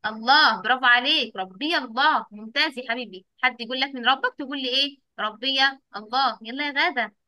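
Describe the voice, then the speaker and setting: A woman's voice: high voice, racing, bright, forceful tone, no room sound. A young woman teacher with an Egyptian accent, coaxing small children on a video call, repeating questions and praising each answer. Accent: Egyptian Arabic. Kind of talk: online class for young children.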